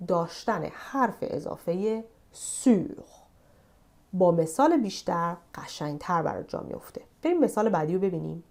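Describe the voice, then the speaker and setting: A woman giving an online French grammar lesson, explaining in a lively way and slowing down to read example sentences aloud. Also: fairly low pitch. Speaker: French teacher.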